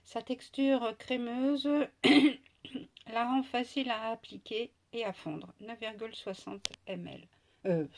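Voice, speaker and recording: A woman's voice: on the high side, darkish tone. A woman chatting casually through an unboxing at home, with many fillers, sometimes cooing to her pet. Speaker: beauty vlogger.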